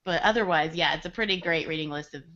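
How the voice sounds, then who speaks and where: A woman's voice: low-pitched, fast talker, a bit bright, dull audio. A woman co-hosting a casual book club podcast, blunt and opinionated, swearing casually. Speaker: podcast co-host leading the book discussion.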